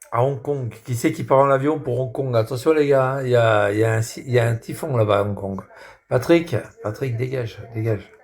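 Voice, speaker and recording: A man's voice: mid-range voice, vocal fry, darkish tone. Guy in his 60s rambling on, crude slang, keeps repeating himself. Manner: repetitive, crude slang, thinks aloud. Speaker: social media commentator. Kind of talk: rambling casual monologue.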